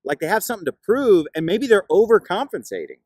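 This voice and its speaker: A man's voice: high-pitched, very animated, quick pace, a little mellow, no room sound. A man hosting a casual discussion, asking questions and quoting scripture. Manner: inquisitive, steers the talk with questions and scripture quotes.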